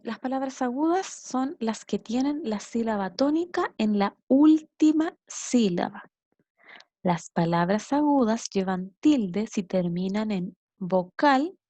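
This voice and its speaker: Woman, Chilean Spanish accent, teacher, explanatory, checks in often, slightly high voice, dry recording. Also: a little mellow, dry recording. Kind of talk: recorded classroom lesson.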